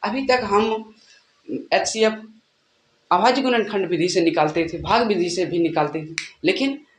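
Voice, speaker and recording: A man's voice: high-pitched, unhurried. A man teaching a maths lesson as a tutor, asking questions and answering them himself, with frequent check-ins. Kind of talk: classroom-style lesson explanation. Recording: echoey room with faint background noise.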